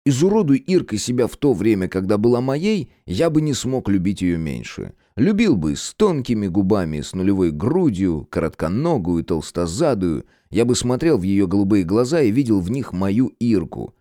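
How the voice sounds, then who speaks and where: Male narrator, first-person audiobook, lively low voice, dry close sound. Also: normal speed, hardly any pauses, no echo.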